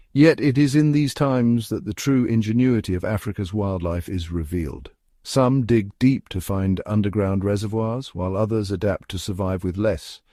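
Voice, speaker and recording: A man narrates a scripted nature documentary in a measured, solemn storytelling manner. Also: low-pitched, mellow, no room sound, clean studio sound.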